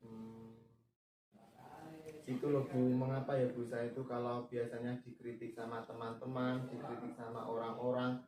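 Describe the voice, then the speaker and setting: A man's voice: mid-range voice, completely flat delivery, moderate pace, music in the background. A man playing a student in counseling, polite, hesitant and deferential. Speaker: student client. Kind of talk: acted counseling role-play. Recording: echoey room, far mic, crowd noise.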